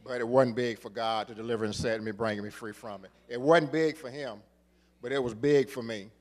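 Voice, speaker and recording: A middle-aged man preaching a sermon, repeating phrases for rhythm and building to emphatic shouts. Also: medium pitch, steady tone, brisk.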